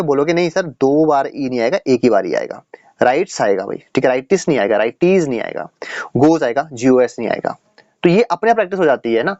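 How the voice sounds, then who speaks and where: A man's voice: fairly high pitch, darkish tone, dry recording, lo-fi sound. A man teaching English grammar in a casual, chatty classroom style, repeating his points and checking in with the students often. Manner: chatty, repeats points with "dekho yaar" and "theek hai na".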